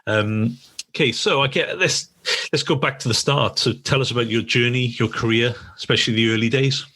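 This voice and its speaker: A man's voice: mid-range voice, fairly quick, bright, forceful tone. A man interviewing casually, conversational and a little hesitant, often seeking agreement. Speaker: interviewer, host. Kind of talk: casual chat.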